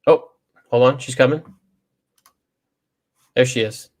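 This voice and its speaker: A man in his thirties hosting a casual livestream trivia chat, relaxed and rambling with many fillers, on a video call mic. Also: medium pitch, takes it slowly. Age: 30s.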